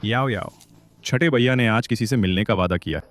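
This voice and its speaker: An actor playing a gentle young man, a doting older brother who speaks softly and reassuringly in a dubbed drama. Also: medium pitch, normal speed, lightly acted. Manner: soft, reassuring.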